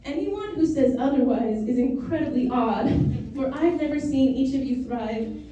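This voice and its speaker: A woman officiating a wedding, reading a rhyming homily in a measured, rhythmic way. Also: high-pitched, lively intonation, dark tone. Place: wedding venue. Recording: roomy, distant, dull lo-fi sound.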